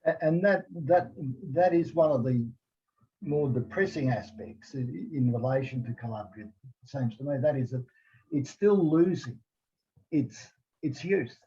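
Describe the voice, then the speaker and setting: A man hosts an interview over a video call in a mellow, relaxed voice. He often stalls and restarts before getting his questions out. The recording is dull and muffled, with the high end cut off. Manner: halting, many restarts and stammered starts.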